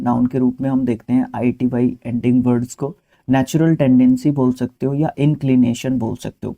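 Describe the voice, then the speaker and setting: A man's voice: medium pitch, creaky, warm tone. A man with an Indian accent teaching an English vocabulary and spelling lesson. He speaks to his students directly and patiently, in a conversational way with many fillers and asides.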